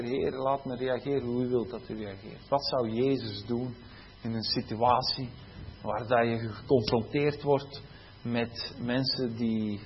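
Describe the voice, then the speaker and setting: A man's voice: medium pitch, dull audio, slight background noise. A man, a teacher giving a conversational sermon testimony and acting out quoted pupils. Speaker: teacher and preacher.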